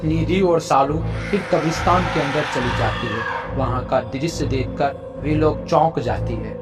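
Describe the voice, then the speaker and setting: A man giving the scripted narration of a cartoon story with steady storytelling delivery. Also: on the high side, measured pace, loud music behind the voice.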